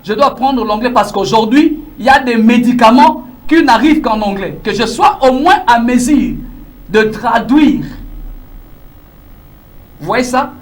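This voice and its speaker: A man with a Congolese French accent coaches his viewers in a motivational teaching monologue. His voice sits very high for a man. He speaks emphatically, firing rhetorical questions at the listener and slipping Lingala phrases into his French. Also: animated, measured pace. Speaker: English-learning coach.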